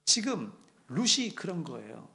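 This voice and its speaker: A man preaching a sermon in a somewhat high voice. He tells the story in a gentle, intimate way, then swells into forceful emphasis. He often puts questions straight to the congregation. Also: very animated, unhurried, gravelly. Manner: storytelling, swings between hushed and emphatic delivery; asks the congregation direct questions. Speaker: pastor.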